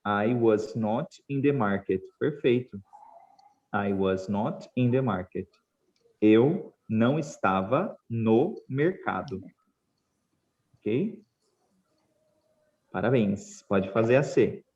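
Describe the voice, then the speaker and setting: Patient Brazilian teacher on a video call. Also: male voice, on the low side, expressive, darkish tone, muffled recording. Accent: Brazilian Portuguese. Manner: patient, spells out examples slowly. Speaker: English teacher. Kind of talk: online class.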